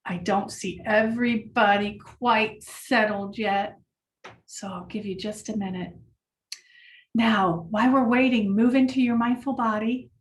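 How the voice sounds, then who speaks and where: A woman leading a children's mindfulness lesson, speaking gently and encouragingly to the class. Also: on the high side, steady tone, a little slow, recorded from a distance.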